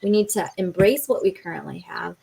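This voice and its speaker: A woman from Colombia, raised in the US Midwest, explaining her ideas earnestly and in a measured way as a guest on a live video interview. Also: on the low side, expressive, creaky, dark tone, slightly rough. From born in Colombia, raised in the US Midwest. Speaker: guest, diversity specialist at a manufacturing extension partnership.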